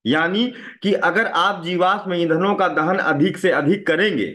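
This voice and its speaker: A man lecturing a class in a fairly high voice. He keeps checking in with his students, firing questions at them and tagging his sentences with a quick "right?". His voice sits a little above most men's. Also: steady tone, pushed and bright. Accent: Hindi. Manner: asks the class questions and repeats "है ना" often. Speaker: teacher.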